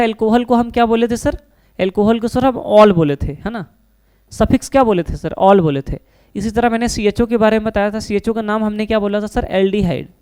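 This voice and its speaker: Clear-voiced man teaching a chemistry lecture. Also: high voice, a little mellow. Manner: asks questions and answers them himself, calls students child.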